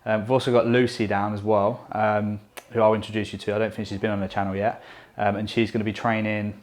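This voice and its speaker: A young man coaching and hosting a casual vlog, chatty and relaxed with frequent fillers. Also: lowish voice, fast. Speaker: bodybuilding coach and channel host.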